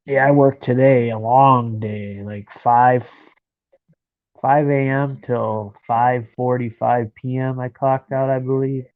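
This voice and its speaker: A man in his thirties, stuffed-up nose, lies in bed at home rambling and chatting to viewers on a casual live stream. His mid-range voice holds a steady tone at a slow pace, and the recording is dry, lo-fi and phone-like.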